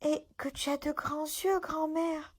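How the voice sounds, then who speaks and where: A woman's voice: steady tone, slow pace. A woman doing a timid little girl. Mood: wondering. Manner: small, high, soft voice.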